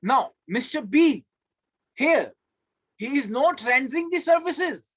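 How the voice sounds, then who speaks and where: A man's voice: very high voice, lively intonation, takes it slowly, fairly bright tone, no echo. A man with an Indian accent teaching a live online class, emphatic and repeating key phrases. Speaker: law teacher. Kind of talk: live online lecture to students.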